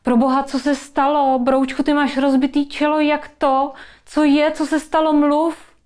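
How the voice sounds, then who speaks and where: A woman's voice: high-pitched, darkish tone, pitched above the performer's own voice, lightly acted. A woman voicing a worried, reproachful young mother talking to her small child. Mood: alarmed. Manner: anxious, reproachful.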